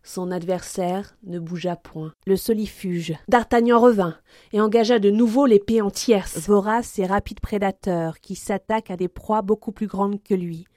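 Woman, storybook reader, steady clear voice, mid pitch, dry close sound. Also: normal speed, dry recording. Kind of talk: storybook reading.

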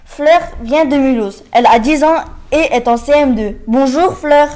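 A woman's voice: high-pitched, unhurried, darkish tone. A woman presenting a scripted school radio quiz as its host. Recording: very noisy amateur recording.

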